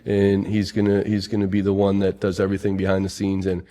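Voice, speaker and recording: A man's voice: deep voice, monotone, fast, dark tone. A middle-aged man, a soccer coach, chatting on a podcast and explaining tactics in a rambling way, with frequent restarts. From Chile. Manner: rambling, detail-focused explanations with many restarts. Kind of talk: casual podcast chat.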